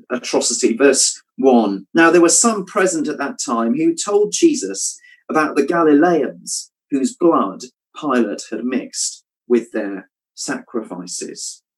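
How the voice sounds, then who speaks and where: A man preaching a reflective sermon, asking rhetorical questions and dropping his voice softly when quoting scripture. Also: mid-range voice, low-quality recording. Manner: reflective, asks rhetorical questions, drops soft at quotes.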